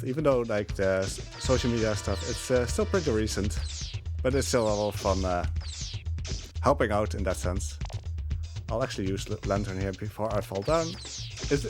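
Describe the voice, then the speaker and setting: With game music playing behind him, a man speedruns a game and chats casually about it as he goes. He has a lowish voice and talks at a normal speed.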